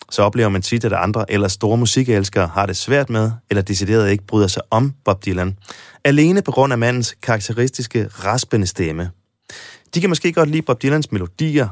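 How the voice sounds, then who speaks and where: A man's voice: lowish voice, dry recording, clean studio sound. A man hosting a music talk show, reading a scripted introduction and then chatting with enthusiasm as a fan. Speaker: radio host. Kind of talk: scripted introduction and casual interview.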